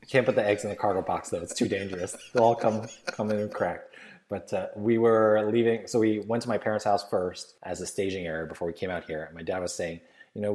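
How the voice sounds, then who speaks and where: A man's voice: low-pitched, darkish tone. A man chatting casually as a podcast co-host, recorded in an echoey game room. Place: game room in a rented house, indoors.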